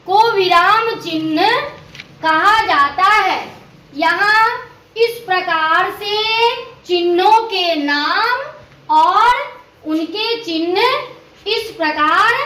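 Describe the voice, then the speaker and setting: Slow, bright-voiced woman teaching grammar. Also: very high-pitched, reverberant. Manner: slow, careful, explains with examples. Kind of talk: explaining a grammar lesson.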